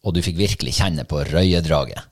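Very deep-voiced man, slow and reflective. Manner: slow, hesitant and reflective, many fillers. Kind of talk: casual chat.

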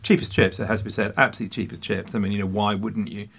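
A man's voice: fairly low pitch, fairly even intonation, rapid-fire, gravelly, fairly bright tone, husky. An English man hosting a casual history podcast, full of jokey asides and mock French phrases. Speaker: podcast host.

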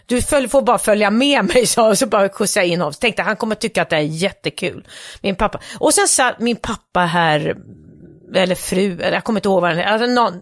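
A middle-aged woman co-hosts a relaxed podcast conversation. She rambles through her stories with frequent fillers and restarts and laughs easily. Her pitch sits in the middle of the female range. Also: no echo, studio quality. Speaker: podcast co-host. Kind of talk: casual chat.

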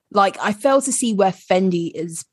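Husky-voiced woman chatting. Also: mid-range voice, animated, no echo, studio quality. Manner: chatty, opinionated, drawn-out emphasis. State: slight frog in throat. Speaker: podcast co-host. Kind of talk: casual chat.

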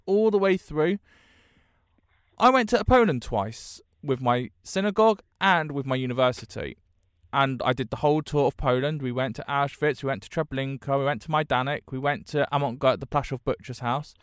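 A man's voice: mid-range voice, no echo, studio quality. A British man hosting a podcast, speaking in an earnest, encouraging self-help manner. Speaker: podcast host. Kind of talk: podcast monologue introduction.

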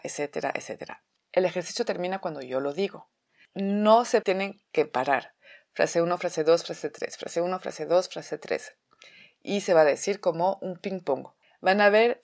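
A woman, a theater workshop teacher calmly explaining a drama exercise step by step. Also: on the low side, gravelly. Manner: calm, methodical explanation with examples.

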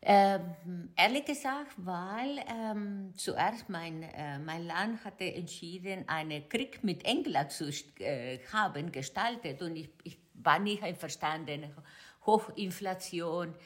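A woman's voice: lowish voice, lively intonation, takes it slowly. Middle-aged woman with an Argentine Spanish accent. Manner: hesitant, searching for German words, many fillers. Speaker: guest, hobby cook. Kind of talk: interview answers.

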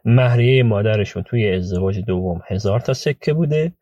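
Hoarse man with a dull, muffled sound. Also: fairly low pitch, dark tone, no echo. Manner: chatty, with frequent hesitations. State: hoarse from a cold. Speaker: podcast host and lawyer recounting client cases. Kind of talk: storytelling podcast narration.

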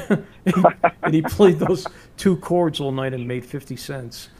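A man's voice: fairly high pitch, unhurried, darkish tone, slight background noise. A man in his sixties hosting a casual interview, chatty and rambling with many fillers. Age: 60s. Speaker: interview host.

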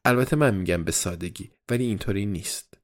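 A man with a fairly low voice reads a novel aloud as a first-person diary. His delivery stays even and measured, a steady storyteller's pace through the entries. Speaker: audiobook narrator.

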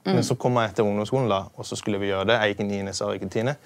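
A young man in casual chat, telling a story in an animated way and acting out what people said. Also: vocal fry. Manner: animated, acts out quotes with sudden pitch jumps. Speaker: guest musician.

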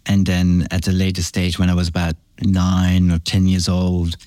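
A middle-aged fragrance brand founder from France and Belgium, appearing as a guest in a casual interview chat, recalls his past in a low-pitched voice. His storytelling is warm and reflective but halting, with many restarts, and the recording is dry.

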